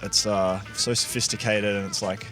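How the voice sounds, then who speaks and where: Man, low voice, thoughtful, rambling. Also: flat delivery, moderate pace, pushed and bright, soft background music. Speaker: band member, guest. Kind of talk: casual interview chat.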